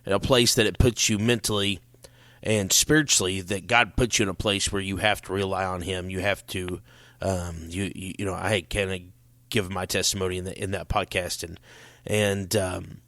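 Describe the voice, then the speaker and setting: A man's voice: on the low side, steady tone, normal speed, a bit bright, dry recording. A man co-hosting a faith podcast, reflective and affirming in casual chat. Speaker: podcast co-host.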